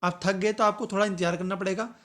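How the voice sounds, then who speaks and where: A man teaching a grammar lesson as the channel's host, repeating his phrases and slowing down to read example sentences aloud. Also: high voice, fairly even intonation, fairly bright tone. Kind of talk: exam-prep grammar lesson.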